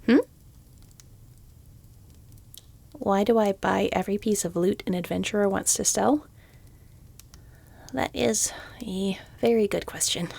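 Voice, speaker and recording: In a fantasy audio roleplay, a woman voices a weary, exasperated shopkeeper who stays reluctantly polite while muttering dry, sardonic asides. Her medium-pitched voice is creaky and darkish, at a normal speed, and her mood comes across as sheepish.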